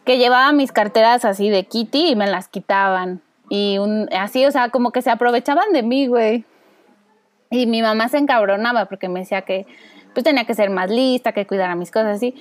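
Brief: Mexican woman in her thirties, lively storyteller on a podcast, higher voice, close dry sound. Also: fairly quick, no room sound. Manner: animated, acts out kids' voices with squeals. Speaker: podcast co-host. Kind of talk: casual chat.

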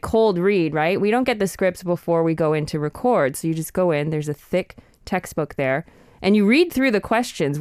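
A woman's voice: lowish voice, darkish tone, dry recording, studio quality. A woman from Canada, chatting as a guest about her voice acting work, upbeat with frequent fillers. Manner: upbeat, laughs often, lots of fillers. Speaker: guest voice actor and presenter. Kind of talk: casual radio interview.

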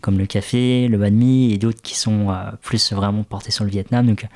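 Hesitant man with a lowish voice. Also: fairly even intonation, moderate pace, darkish tone. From France. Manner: hesitant, many fillers. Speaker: interview guest, café co-founder. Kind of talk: casual interview talk.

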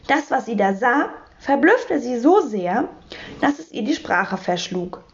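A woman reads a children's story aloud, her high voice lively and swinging through wide pitch. The recording sounds muffled and lo-fi. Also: measured pace. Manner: expressive, animated. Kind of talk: reading a children's book aloud.

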